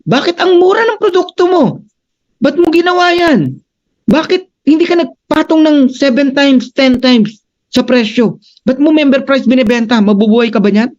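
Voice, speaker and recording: A man voicing an indignant rival company that scolds with shrill, accusing questions, on a dull lo-fi recording. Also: normal speed, a little mellow.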